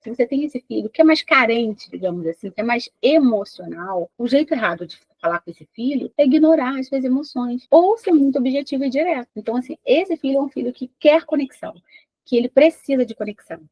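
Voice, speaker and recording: Brazilian woman as a parenting coach, husky voice, dry close sound, explains things and asks the viewer questions. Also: high voice, animated, brisk, darkish tone, dry recording, muffled recording. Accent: Brazilian Portuguese. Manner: explanatory, addresses the mother directly with rhetorical questions. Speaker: parenting educator. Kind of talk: direct-to-camera advice talk.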